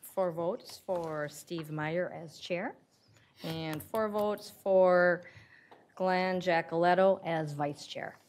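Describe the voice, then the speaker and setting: A woman on city staff calling roll and reporting vote counts at a commission meeting, brisk and matter-of-fact, away from the microphone. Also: fairly low pitch, darkish tone, slight background noise. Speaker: staff liaison taking roll. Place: city council chamber.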